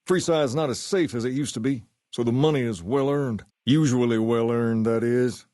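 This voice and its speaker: A man's voice: medium pitch, warm tone, no room sound, studio quality, natural voice. Man voicing The King, folksy, self-assured gang boss. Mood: businesslike, confiding. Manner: folksy, colloquial, measured delivery. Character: easygoing, self-assured gang leader styled as a rock-and-roll king. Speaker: video game voice actor. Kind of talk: scripted game character dialogue.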